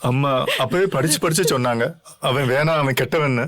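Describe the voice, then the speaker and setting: A man's voice: medium pitch, fairly quick, fairly bright tone, natural voice. A man dubbing a remorseful middle-aged father in a TV serial, who speaks in a pleading, apologetic way. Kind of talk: dubbed TV serial acting.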